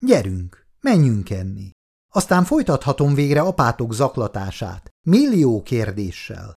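A man's voice: medium pitch, wildly swooping pitch, vocal fry, darkish tone, husky, exaggerated voice. A male audiobook reader voicing a curious, earnest young woman official who asks questions directly and with polite insistence. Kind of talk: audiobook character voice.

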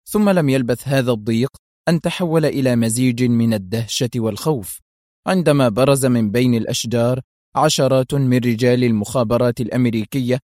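A male narrator reads an action story in a measured, dramatic way, with a mid-range voice. The recording is dry and close, with no room sound. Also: mid-range voice, darkish tone, no room sound. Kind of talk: scripted audiobook narration.

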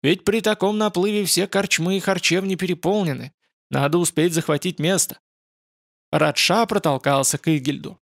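Male narrator, gravelly voice, slightly high, dry close sound, fantasy audiobook. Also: normal speed, no room sound. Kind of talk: scripted fantasy novel narration.

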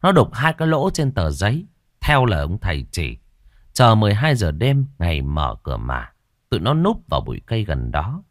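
A man narrating a scripted ghost story in a lively, expressive storytelling manner. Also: lowish voice, moderate pace, no echo, clean studio sound.

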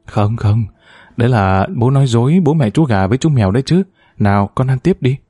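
A man voicing a worried father gently soothing and reassuring his young child. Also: medium pitch, animated, fairly quick, slightly rough, dry recording, studio quality. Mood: tender.

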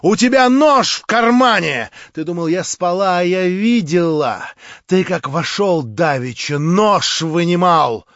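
A man's voice: animated, a little slow, a bit bright, no echo, heavily acted. A man voicing a half-mad lame woman who mocks and shrieks, in a dull, dry recording. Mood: shrieking. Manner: shrill, scornful, laughing outbursts.

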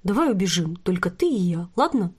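A woman reading the lines of a smooth-talking, manipulative young male star in an audiobook, in a soft coaxing manner. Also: lowish voice, very animated, brisk. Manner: coaxing, murmuring.

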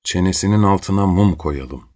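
A group of frightened men, suspicious and urgent, as a man reads them out. The voice is deep and low, pressing and uneasy. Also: normal speed, a little mellow, natural voice.

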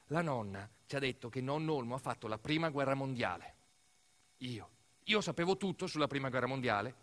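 As actor-narrator in a theatrical storytelling monologue, a man speaks dramatically in short phrases, taking the role of a boy remembering his family. His voice is fairly high-pitched and a bit bright, with music behind him.

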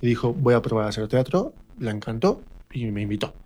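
This radio interview guest, a stage actor with a central Mexican accent, recounts personal stories in a casual way, voicing remembered remarks along the way. He speaks briskly in a sing-song, slightly mellow mid-range voice.

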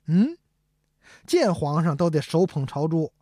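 A woman's voice: deep voice, a little slow, slightly rough, no room sound. Lady telling an old comic tale, voice jumps all over, very dry sound. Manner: animated, addresses the audience directly. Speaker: storyteller. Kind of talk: traditional comic storytelling.

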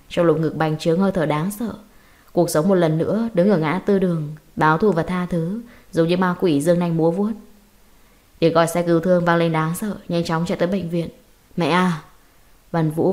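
A woman reading a dramatic story aloud as an audiobook narrator, in a steady, earnest way. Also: lowish voice.

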